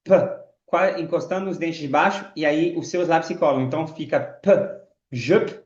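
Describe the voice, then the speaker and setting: A French man teaching pronunciation, saying model phrases slowly and repeating them as drills. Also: fairly high pitch, reverberant, highs cut off. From France. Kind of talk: pronunciation lesson.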